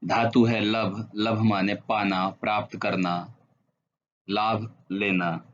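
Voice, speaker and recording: A man teaching a Sanskrit grammar lesson online, reciting verb forms in a slow, measured way. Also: lowish voice, lo-fi sound.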